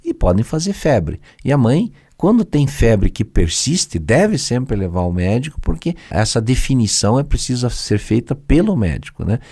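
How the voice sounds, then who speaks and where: A man's voice: mid-range voice, big pitch swings, normal speed, hardly any pauses, mellow, husky, dry recording, studio quality. A man with a Brazilian accent, a doctor explaining things didactically in a radio interview. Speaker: doctor, expert guest.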